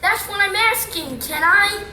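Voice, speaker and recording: A woman's voice: very high-pitched, a little slow, bright, forceful tone, slight background noise, full character voice. A girl playing a pleading little schoolchild. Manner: pleading, exasperated. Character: anxious young schoolchild needing the bathroom. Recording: echoey auditorium from far off.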